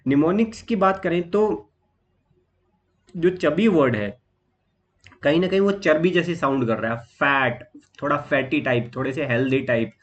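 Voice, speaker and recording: A man with an Indian accent teaching exam vocabulary in a steady explanatory lesson, listing words and pausing on fillers. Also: fairly high pitch, dull audio.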